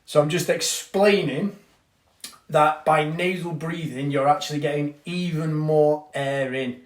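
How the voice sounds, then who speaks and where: A man's voice: on the high side, fairly even intonation, unhurried. A man, a fitness coach, giving a casual live-stream breathing lesson and answering viewers. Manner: chatty, reads out viewer comments, swears casually. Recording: echoey room.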